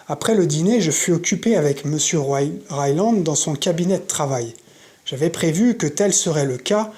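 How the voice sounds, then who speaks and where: An audiobook reader narrates a novel in a mid-range voice. The scripted storytelling is steady and measured.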